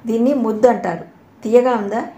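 A woman's voice: on the high side, brisk, mellow, dull audio, natural voice. A woman reading the part of a playful, teasing young man in an audio novel, in an echoey room. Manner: teasing, cheeky.

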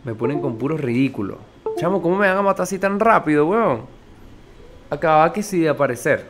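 A man with a Venezuelan Spanish accent giving excitable, swearing gameplay commentary as a gaming YouTuber. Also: on the high side, a little fast, music in the background. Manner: excitable, swearing, joking with viewers.

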